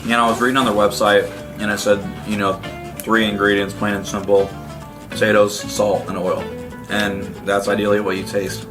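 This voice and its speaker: A man's voice: fairly low pitch, flat delivery, moderate pace, over music. A man co-hosting a casual food review, plain-spoken as he explains what he thinks. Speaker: co-host of a snack review show.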